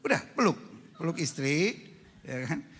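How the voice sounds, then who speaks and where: Gravelly, bright-voiced joking preacher man. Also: a little high, very animated, unhurried. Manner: joking, teasing the congregation, colloquial Jakarta slang. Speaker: pastor. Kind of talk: humorous sermon. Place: large church hall with congregation. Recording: long church hall reverb.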